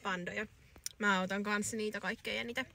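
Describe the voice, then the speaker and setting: A Finnish woman in her thirties films a family travel vlog on a phone held at arm's length, chattering brightly to the camera and her children. Her medium-pitched voice has vocal fry, and she sounds bubbly and enthusiastic as she narrates from the car, shops, hotel and outdoors. The phone audio carries steady background noise.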